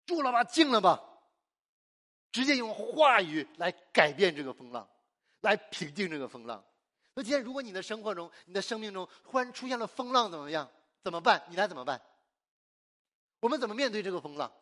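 Preacher, male, from China; high, very lively voice; emphatic call-and-response sermon style. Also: brisk. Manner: call-and-response, asks the congregation and answers himself; exuberant and emphatic, laughs often.

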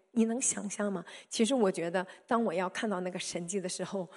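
A woman preaching a sermon, telling stories in an animated, emphatic way with sudden loud peaks. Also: a little high, breathy edge.

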